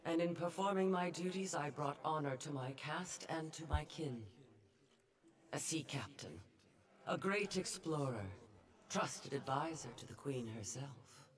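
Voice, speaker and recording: A proud, stately ghost navigator. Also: female voice, sits low, animated, unhurried. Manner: stately, formal, aggrieved.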